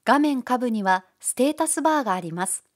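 A woman giving calm, polite, step-by-step narration for a software tutorial. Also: a little high, brisk. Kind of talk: scripted screencast narration.

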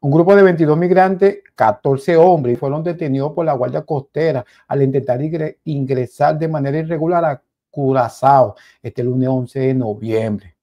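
A man in his forties with a Venezuelan accent, giving casual news commentary from a small home studio on a headset mic, animated and repeating himself often. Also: mid-range voice, normal speed, hardly any pauses, lo-fi sound. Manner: animated, repetitive, addresses viewers as "señores".

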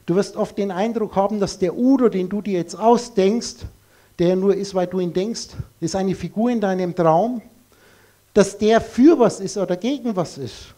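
A man's voice: high-pitched, moderate pace, mellow. A man giving a live lecture to an audience in a blunt, emphatic way, full of rhetorical questions.

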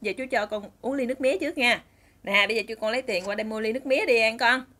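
A woman voicing a kind young man who talks gently, with a Southern Vietnamese accent. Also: a little high, racing. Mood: gentle. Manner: gentle, coaxing.

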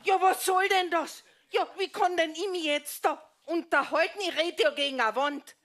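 A woman with an Austrian accent playing a hard-of-hearing, impatient elderly wife in a stage comedy sketch, loud and scolding. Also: on the high side, expressive, a little slow.

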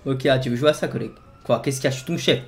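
A man hosting a gaming video, giving playful commentary and jokingly barking commands as a team leader, excitable and joking. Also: medium pitch, rapid-fire, vocal fry. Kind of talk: playful game commentary with role-play commands.

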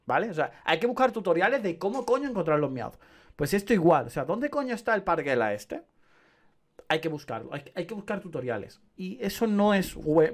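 A young man from Spain with a Spanish accent, giving sarcastic, slangy let's play commentary full of swearing. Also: a little high. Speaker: gaming youtuber.

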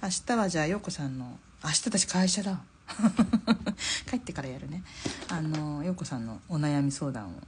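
A middle-aged woman from Japan hosts a live drawing stream and chats loosely as she works. Her voice sits a bit low but moves all over the place, lively and animated. A faint hiss of noise sits under the phone-mic recording. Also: normal speed. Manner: chatty, laughs often, reads viewer comments aloud. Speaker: Zentangle teacher hosting a live stream. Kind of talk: casual live-stream chat while drawing. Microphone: phone or camera mic on a live stream.

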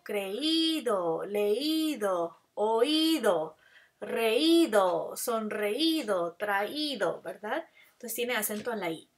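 A woman with a medium-pitched, fairly bright voice teaches a grammar lesson slowly and deliberately. She stretches out example words and moves between Spanish and English to explain.

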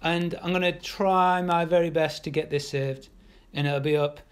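A man with a fairly high voice guides a live painting class, encouraging the viewers as he works. He talks in a loose, chatty way, full of ums and restarts while his brush moves. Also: steady tone, normal speed, clear, resonant tone. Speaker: illustrator teaching a live art class. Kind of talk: casual live draw-along class.

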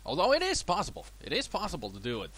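On a low-quality recording, a let's play gamer talks fast about his own boxing gameplay, casual and self-deprecating. His cold makes the voice a bit worn, but he's chatty and his pitch swings lively.

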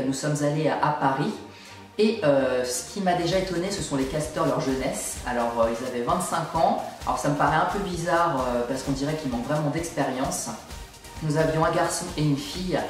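A young man giving an emphatic, exasperated opinion rant to camera, complaining as he goes. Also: on the high side. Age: young adult. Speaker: video blogger. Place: small indoor room at home. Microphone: camera at a short distance. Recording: very echoey room, distant microphone.

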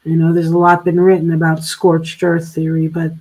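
An older woman hosting a casual political discussion over a video call, thoughtful and halting, often restarting her sentences. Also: low voice, monotone, darkish tone, husky, poor audio. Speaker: host.

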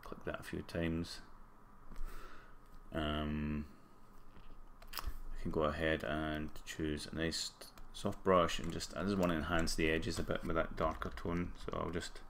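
Male tutorial presenter, broad Scottish, very low and groggy with heavy fry, informal working-aloud delivery. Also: level tone, unhurried, fairly bright tone, slight background noise. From Scotland. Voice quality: groggy, gravelly throat. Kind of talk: casual screen-recorded software tutorial.

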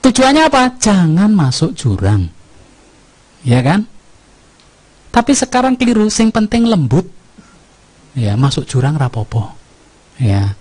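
A male preacher with a Javanese accent delivers a light, humorous sermon in a husky, slightly raised voice. He tells lively stories and keeps tossing "ya kan?" back at his listeners. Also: high voice, unhurried, long pauses.

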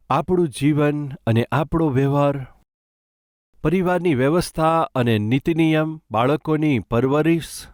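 Man preaching a sermon, earnest, lots of questions to the crowd, slightly high voice, dry sound. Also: darkish tone, no room sound. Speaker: pastor. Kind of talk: sermon with prayer.

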